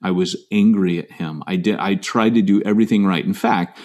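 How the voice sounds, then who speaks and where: A man's voice: low voice, brisk, darkish tone. An American man, middle-aged, a pastor telling his own story in an interview, earnest and self-deprecating, with many fillers and restarts. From United States.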